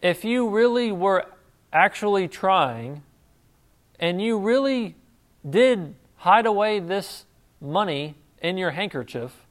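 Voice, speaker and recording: A man voicing an indignant king who fires sharp questions at a servant who failed him. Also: sits high, lively intonation, takes it slowly. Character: indignant nobleman king confronting a lazy servant.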